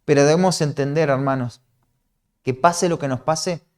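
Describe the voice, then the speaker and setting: A man's voice: on the high side, normal speed, darkish tone. A man from Argentina with a Rioplatense accent, preaching an earnest, explanatory sermon that often checks in with a questioning "¿no?". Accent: Rioplatense Spanish.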